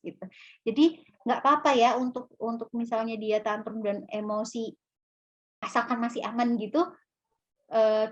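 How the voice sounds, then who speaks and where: Chatty woman psychologist, lo-fi webinar audio. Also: fairly high pitch. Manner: casual, many fillers and restarts; acts out mother and child lines. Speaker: psychologist guest speaker. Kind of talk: parenting webinar talk. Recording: lo-fi video call audio.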